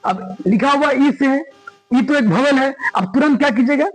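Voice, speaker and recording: At a normal speed and in a very high voice, a man teaches a grammar lesson, emphatically repeating key points and asking his students questions. The recording is low quality.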